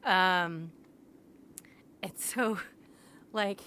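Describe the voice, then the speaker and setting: A woman's voice: fairly low pitch, drawn-out words, sharp tone, slight background noise. A young woman co-hosting a podcast, animatedly retelling a book plot in casual chat, sprinkling in "like" constantly. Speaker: podcast co-host.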